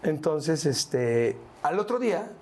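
A man's voice: fairly high pitch, big pitch swings, slow, a little mellow, a little hiss or hum. A man with a Mexican accent, a guest in an interview, telling his story in casual, slangy speech and often tagging his lines with "¿no?" and "güey".

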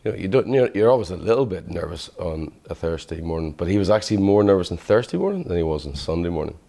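Male interviewee, casual recollection, very low voice, quick pace. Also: big pitch swings, creaky, mellow.

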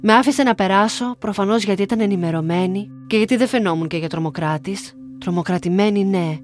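A young woman from Greece reading her own story aloud in a calm, measured way. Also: mid-range voice. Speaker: narrator. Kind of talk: scripted first-person narration. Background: faint music.

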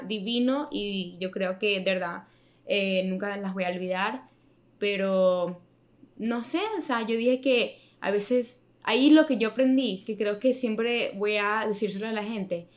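A young woman from Miami in casual chat as an interview guest, a premed student who slips English words into her Spanish and leans on fillers. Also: medium pitch. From Miami, United States. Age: young adult.

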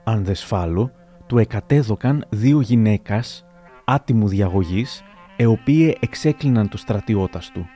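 Brief: male storyteller, measured and formal, very dark and mellow tone, faint music underneath. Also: mid-range voice. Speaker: narrator presenting historical anecdotes. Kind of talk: scripted reading of historical anecdotes.

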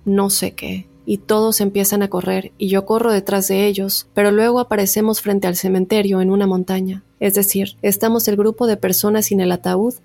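A woman hosting a podcast, welcoming listeners and reading their letters aloud in a calm, steady storytelling manner. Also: medium pitch, a little fast, gravelly, few pauses. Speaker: podcast host.

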